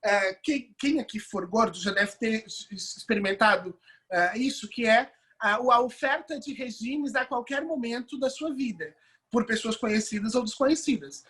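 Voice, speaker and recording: A woman's voice: fairly high pitch, moderate pace, fairly bright tone, breathy edge. A woman with a Brazilian Portuguese accent giving an online course lecture, reflective and questioning, often adding tag questions as she reasons aloud.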